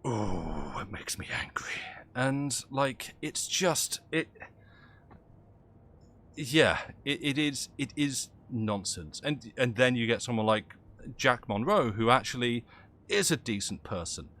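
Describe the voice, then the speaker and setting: A man's voice: mid-range voice, lively intonation, takes it slowly, fairly bright tone. Ranting Cockney man streaming a game. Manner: impassioned ranting, frequent restarts. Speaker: gaming streamer. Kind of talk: casual live-stream chat.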